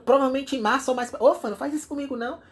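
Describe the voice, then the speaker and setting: A man's voice: extremely high pitch, rapid-fire, voice pushed up. A man voicing Watson, an anxious, clingy young man who pleads and whines. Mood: pleading.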